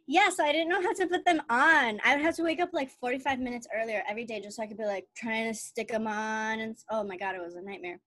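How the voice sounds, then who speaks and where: A woman in her thirties chatting on a podcast in a bubbly, giggly way. Her voice sits a little high. The sound is dry and close, with no room echo. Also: fast talker, few pauses, fairly bright tone. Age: 30s. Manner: giggly, bubbly storyteller who laughs often. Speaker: podcast co-host. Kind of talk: casual chat.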